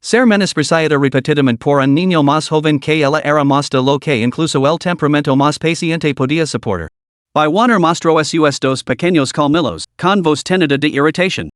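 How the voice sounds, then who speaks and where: A man narrating a comic-style fantasy story summary in a steady, even storytelling manner. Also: fairly high pitch, moderate pace, no echo, studio quality.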